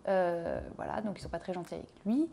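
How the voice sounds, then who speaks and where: A woman's voice: fairly low pitch, huge pitch swings, a little fast, gravelly, dark tone, slight background noise. Chatty young woman reviewing a book. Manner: chatty, with frequent hesitations. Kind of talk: casual audiobook review.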